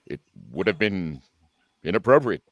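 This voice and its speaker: Stern male starship captain, read by a man at a table read: formal, guarded, animated inflection, dry close sound. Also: low-pitched, moderate pace, no room sound, highs cut off, pitched below the performer's own voice. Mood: stiff, reserved. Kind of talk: live script table read.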